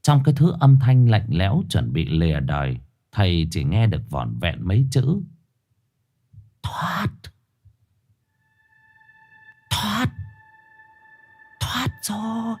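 Lively low-voiced male ghost storyteller. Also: moderate pace, faint music behind.

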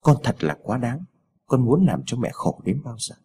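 A man voicing a weary, widowed mother, speaking in a tired, pleading way with a husky tone. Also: medium pitch, animated, brisk, mellow. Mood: bitter despairing. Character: worn-out grieving widowed mother.

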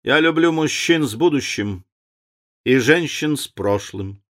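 A man voicing a witty, cynical aristocratic gentleman who drawls out epigrams. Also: mid-range voice, lively intonation, unhurried, pitched above the performer's own voice. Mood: wry.

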